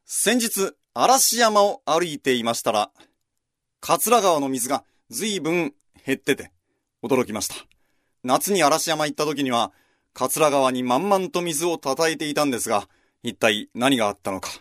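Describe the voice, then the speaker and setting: A man narrates a historical walking tour in a scripted yet chatty style and adds casual asides along the way. His voice sits a little high and swings widely in pitch. The recording is dry and close. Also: unhurried, no echo. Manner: lively, conversational storytelling with asides.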